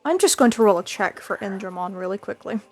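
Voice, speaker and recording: A woman narrating as game master of a tabletop game in a calm, matter-of-fact way. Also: mid-range voice, fast, faint music behind.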